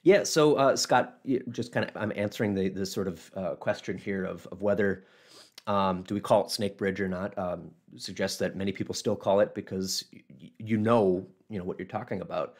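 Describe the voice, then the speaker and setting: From a small office, a thirtysomething man runs a casual livestream on local history using a webcam mic. A cold has left his low, slightly mellow voice scratchy and hoarse, and he rambles at a moderate pace with frequent ums and restarts.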